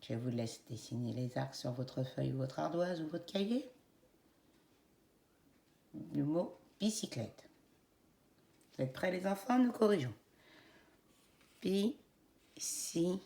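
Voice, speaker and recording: A woman teacher with a French accent, giving a phonics lesson to young children in a slow, encouraging voice and spelling out each syllable. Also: sits low, animated, vocal fry, mellow.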